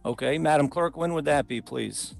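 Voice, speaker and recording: A man's voice: fairly high pitch, moderate pace, gravelly, soft background music. A man presiding as a judge in a remote traffic hearing, talking plainly and courteously through procedure. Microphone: video call.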